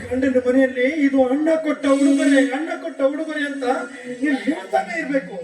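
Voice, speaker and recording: Guy acting as a sobered-up big brother, very high voice, far off on an echoey stage. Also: a little fast. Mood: tender. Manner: emotional, pleading, repeats phrases. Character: reformed drunkard elder brother, tender and remorseful. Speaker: actor. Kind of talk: melodramatic stage play acting. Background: music.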